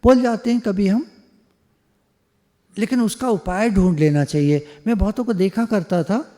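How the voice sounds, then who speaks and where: A man giving a devotional satsang talk in a high yet mellow voice, chatty and teasing, slipping English words into his speech. The sound carries a long hall reverb. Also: normal speed. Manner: conversational, joking, mixes English words. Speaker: spiritual speaker.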